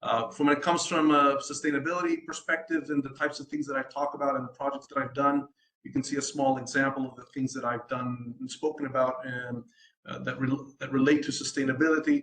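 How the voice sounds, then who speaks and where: An American sustainability design consultant gives a presentation at an online event, hesitating with many ums and restarts and habitually asking "right?". His medium-pitched voice is level, a bit bright, and a little fast, captured in a roomy, rough recording.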